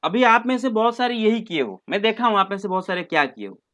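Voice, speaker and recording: A man's voice: high voice, sing-song, fast talker, fairly bright tone. A man teaching a maths class online, patient and coaxing, mixing English terms into his talk and calling students "beta".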